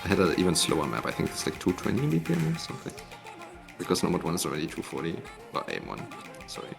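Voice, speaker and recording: A very low, creaky male voice with a cave-like echo from an empty meeting room. He hosts a gaming showcase with casual, informal live commentary, his pitch moving around a lot. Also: wildly swooping pitch, quick pace. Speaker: host of a tournament mappool showcase. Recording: echoey empty room, music behind.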